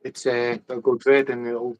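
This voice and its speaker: A man's voice: medium pitch, little pitch movement, normal speed, lo-fi sound. Chatty man hosting a live stream. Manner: chatty, reads the live chat aloud while talking. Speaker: livestream host. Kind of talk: casual live-stream chat. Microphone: shotgun mic that picks up the whole room. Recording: voice on a live call.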